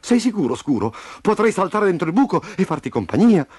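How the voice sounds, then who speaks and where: A man's voice: sits high, very animated, brisk, darkish tone, slightly rough, no room sound, pitched above the performer's own voice, full character voice. A man reading a storybook, voicing a timid but brave little boy who talks eagerly and anxiously.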